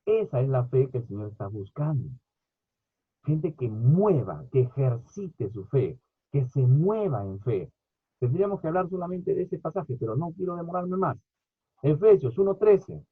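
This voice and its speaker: A man preaches with fervor, rising into loud emphatic bursts before dropping to quiet asides. His voice sits fairly high and sounds husky. The recording is thin and tinny, like a phone line. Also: sing-song, moderate pace, no echo. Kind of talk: sermon.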